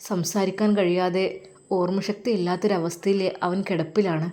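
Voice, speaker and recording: A woman's voice: lowish voice, fairly even intonation, normal speed, mellow. Woman storyteller, earnest melodramatic narration.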